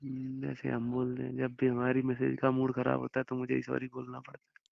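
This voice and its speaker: A young man talks to his wife over the phone in a rough, gravelly voice. His pitch barely moves as he reassures her and rambles on with affectionate explanations. The recording is dull and muffled, like a phone call. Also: monotone, a little fast, dry recording. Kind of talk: intimate phone conversation.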